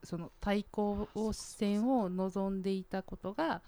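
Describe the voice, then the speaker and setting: A woman's voice: mid-range voice, slow pace, warm tone. A woman in a casual chat who asks polite questions and adds short remarks. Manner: polite, mostly short backchannels.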